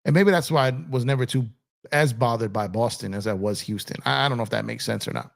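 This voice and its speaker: Speaking fast in a gravelly, medium-pitched voice, this livestream host sits in a gaming chair and reads out viewer comments. His loose chatter wanders, full of fillers and repeated phrases.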